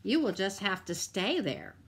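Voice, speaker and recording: A woman voicing an old grandmother in a children's storybook, gentle and resigned but firm in her refusals. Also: mid-range voice, sing-song, unhurried, husky, exaggerated voice.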